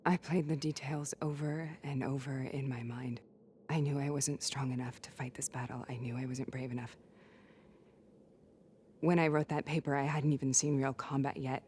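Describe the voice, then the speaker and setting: An actress playing a haunted but resolute female soldier, speaking gravely and deliberately in video game drama. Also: sits low, flat delivery, slight background noise, lightly acted. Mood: haunted, hushed. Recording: loud music behind.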